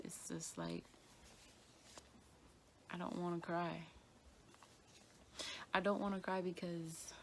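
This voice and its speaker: A young woman talking in a halting, quiet way, tearful and grieving, often repeating herself. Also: fairly low pitch, vocal fry, a little hiss or hum. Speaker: vlogger. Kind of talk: emotional personal vlog.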